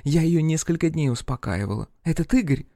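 Man voicing a gossipy young woman, catty, dramatic, audiobook character, higher voice, dry sound. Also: lively intonation, fairly quick, warm tone, no room sound.

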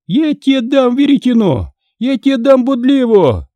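Guy putting on a screechy angry village wife, voice way up high, dry close read. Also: big pitch swings, normal speed, warm tone, dry recording, highs cut off. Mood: furious scolding. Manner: screeching, scolding. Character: shrill furious peasant wife, middle-aged. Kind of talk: audiobook character reading.

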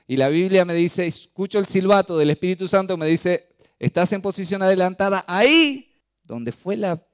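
A middle-aged Argentine man, a pastor, preaching a sermon with lively storytelling and acted-out voices. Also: mid-range voice, no echo, studio quality. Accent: Argentine Spanish. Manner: storytelling, animated, acts out voices.

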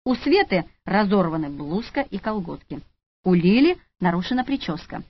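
A woman reading a first-person audiobook with a wry, expressive delivery. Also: medium pitch, normal speed. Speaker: audiobook narrator. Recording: lo-fi audiobook recording.

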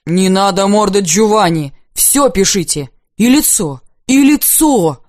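A woman reading aloud, voicing an excitable young male painter who exclaims in frantic rapture, close to tears. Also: mid-range voice, measured pace, dry recording, lightly acted. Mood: frantic, rapturous.

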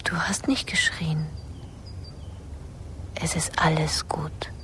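A soft, hushed, tender lover. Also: female voice, sits low, steady tone, slow pace, whispered. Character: tender devoted young woman, soothing her lover. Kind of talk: radio drama acting.

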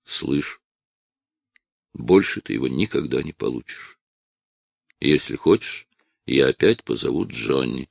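A man's voice: rumbling low, animated, gravelly, no room sound, voice pushed down, exaggerated voice. A man voicing a weary, firm police father. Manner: quiet, firm and measured.

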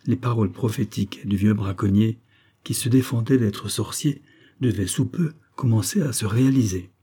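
A man reads a classic novel aloud in measured scripted narration. His voice sits low, dark and husky. He paces the long sentences evenly. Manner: measured, literary. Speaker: audiobook narrator.

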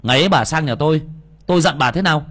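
A man's voice: on the low side, very animated, fairly quick, darkish tone, breathy edge. A man doing a brash, scolding young exorcist. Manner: scolding, blunt. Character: brash young male exorcist, short-tempered.

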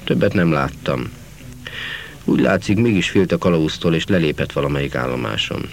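A man narrating a literary novel in a measured, earnest reading. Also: rumbling low, lively intonation, vocal fry, slight background noise. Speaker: audiobook narrator.

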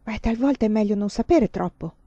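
A woman reading aloud voices a calm, evasive old fortune-telling nun who speaks softly and deferentially. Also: medium pitch, a little fast, no room sound, highs cut off, close to an everyday voice. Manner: soft, hesitant and deferential.

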